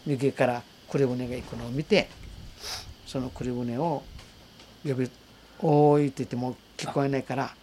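An elderly woman in her eighties speaks with a soft regional lilt. She tells her survivor's story earnestly and vividly, re-enacting calls and voices along the way. A faint hiss sits under the recording. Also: rumbling low, steady tone, normal speed. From Okinawa, Japan. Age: 80s. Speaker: war survivor giving testimony. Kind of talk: personal storytelling in an interview.

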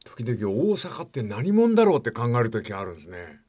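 A man's voice: medium pitch, wildly swooping pitch, fairly quick, warm tone, breathy edge. An older man hosting a radio talk show, telling stories in a rambling, folksy way and putting questions to his co-host.

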